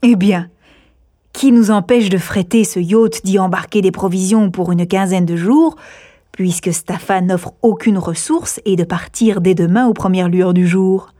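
A woman reading aloud, voicing a calm young gentleman who lays out a plan in a reassuring, matter-of-fact way. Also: medium pitch, a little slow, natural voice.

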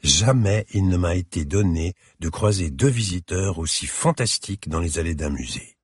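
A man reading aloud, voicing a refined sixty-five-year-old woman curator with a clear, slightly hissing voice and polite, formal manner. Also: low-pitched, animated, moderate pace, no room sound, studio quality. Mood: courteous.

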